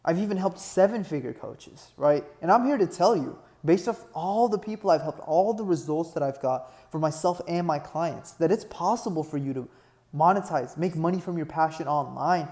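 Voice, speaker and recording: A man's voice: on the high side, lively intonation, normal speed, a little mellow. Fired-up young motivational coach, man. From Nepal. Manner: earnest, repeats "right?" constantly, builds to emphatic peaks. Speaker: online fitness business coach. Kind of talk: motivational talk to camera.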